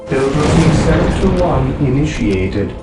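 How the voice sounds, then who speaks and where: A man voicing an obedient cyborg builder unit, with a robotic processed voice and flat, mechanical replies. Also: fairly high pitch, measured pace. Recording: echoey game audio over loud music.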